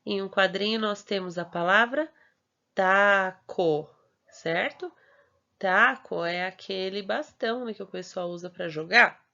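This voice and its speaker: A woman's voice: mid-range voice, vocal fry, sharp tone. Patient Brazilian teacher woman, lo-fi. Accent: Brazilian Portuguese. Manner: patient, spells out syllables slowly, frequent checking tags. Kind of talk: recorded homework explanation. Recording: dull lo-fi recording.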